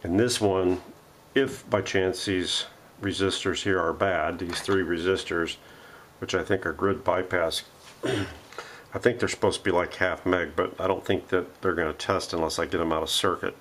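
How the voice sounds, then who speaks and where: A radio repair vlogger runs an unscripted, relaxed workshop demo from home, narrating his thinking as he works. His low voice is fairly bright, with fairly even intonation and a normal speed. A little hiss or hum runs under it.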